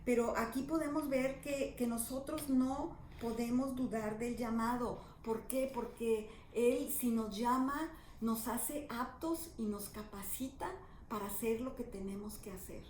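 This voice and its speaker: A woman's voice: fairly high pitch, measured pace, darkish tone. A middle-aged Mexican woman pastor, telling a story in an earnest conversational sermon and repeating her words as she goes. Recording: echoey room with faint noise.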